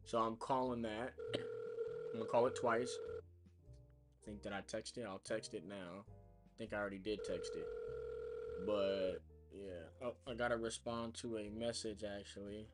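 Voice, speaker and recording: Livestreaming his real estate cold calls over background music, a man talks in a fairly low voice with little pitch movement, a bit slowly and with frequent pauses. His casual, chatty commentary explains his work, peppered with fillers and restarts.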